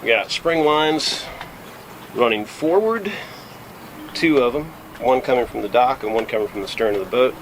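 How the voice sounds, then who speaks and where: Man explaining casually over clear background noise. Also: medium pitch, expressive, moderate pace. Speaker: liveaboard sailor, vlog host. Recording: noisy boat recording with windy ambience.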